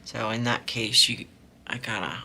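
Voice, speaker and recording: A woman with a slightly hoarse, scratchy throat, chatting casually and softly while she works on a craft project. She rambles, with lots of fillers and restarts. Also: a bass voice, measured pace. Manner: soft-spoken and rambling, with many fillers and restarts. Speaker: diamond painting vlogger.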